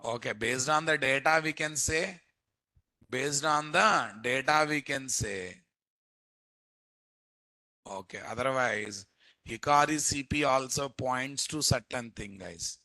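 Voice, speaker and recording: Indian Telugu-accented male programming instructor, forceful. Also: medium pitch, slow, long pauses, no echo. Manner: repeats phrases and quizzes listeners. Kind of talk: live software lesson to a class.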